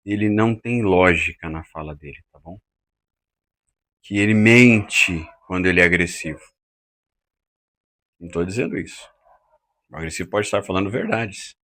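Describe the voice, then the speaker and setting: A man with a low, husky voice teaches a class on communication. He keeps checking in with his listeners with short tag questions. Now and then he slips into raised voices to act out what other people say. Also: a bit bright. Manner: acts out quoted speakers in raised voices; uses frequent tag questions. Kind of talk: lecture on communication.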